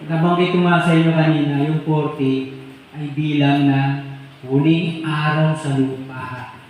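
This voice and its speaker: A male pastor preaching with fervor, pressing his congregation for responses. His voice sits high for a man. The sound booms through a church hall with a long, roomy reverb. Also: steady tone, unhurried, darkish tone, a little hiss or hum. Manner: fervent, calls for response. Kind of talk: impassioned sermon.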